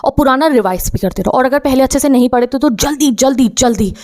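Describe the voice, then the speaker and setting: Brisk, urgent young woman teacher. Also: sits high, a little mellow. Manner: brisk, urgent, direct, acts out students' thoughts. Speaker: teacher giving study advice. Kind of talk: motivational talk to students.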